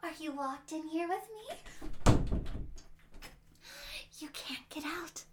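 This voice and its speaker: A possessive supernatural girl, played by a woman, murmurs to her human captive in an ASMR roleplay. Her voice sits very high and unhurried, mostly whispered and coaxing, with sudden sharp outbursts. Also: heavy background noise. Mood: coaxing, menacing. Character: possessive, unstable young supernatural girl captor.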